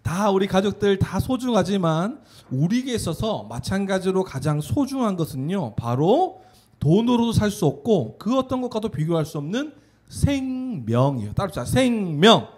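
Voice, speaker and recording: Man, children's sermon, high voice, lively storytelling, call and repeat. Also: normal speed. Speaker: children's pastor.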